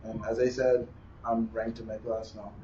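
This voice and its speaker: A young man with a Bahamian accent, a basketball player answering interview questions in a relaxed, plain way. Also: on the low side, normal speed. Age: young adult. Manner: relaxed, plain, uses "like" and "you know". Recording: roomy, distant, dull with faint noise.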